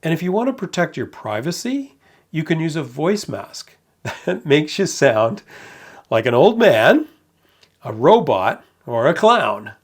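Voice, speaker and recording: A man narrating a product review in a measured, matter-of-fact way with light amused asides. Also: on the high side, sing-song.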